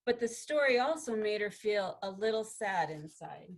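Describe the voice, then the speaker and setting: A woman student reading a children's picture book aloud in an expressive, gently paced storytelling manner. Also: mid-range voice, moderate pace. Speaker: student presenter.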